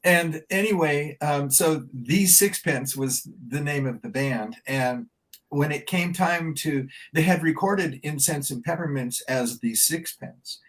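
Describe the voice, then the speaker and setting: A man's voice: on the high side, a little slow, fairly bright tone, poor audio. A man in his seventies, a band member being interviewed, telling a long anecdote in a rambling, chatty way. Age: 70s. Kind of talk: casual interview storytelling.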